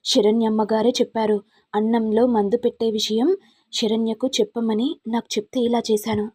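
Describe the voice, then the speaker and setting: A woman's voice: a little high, level tone, normal speed, warm tone, husky, dry recording, clean studio sound. A woman voicing a frightened housemaid who begs forgiveness and explains herself. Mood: pleading. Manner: begging, apologetic. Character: frightened pleading woman servant.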